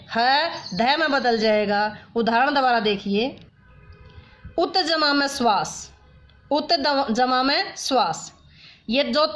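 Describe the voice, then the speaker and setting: A woman's voice: high voice, a bit bright. A woman teacher explaining grammar rules step by step, repeating each rule with worked examples. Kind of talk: grammar lesson. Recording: dull lo-fi sound.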